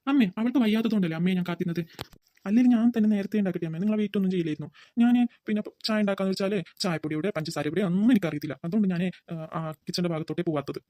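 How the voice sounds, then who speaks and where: A woman's voice: medium pitch, mellow, dry recording, lightly acted. A woman voicing an earnest grown son in a cartoon, pleading and arguing with his mother. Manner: rapid, pleading argument. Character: adult son, earnest and pleading, defends sick wife. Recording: dull lo-fi recording.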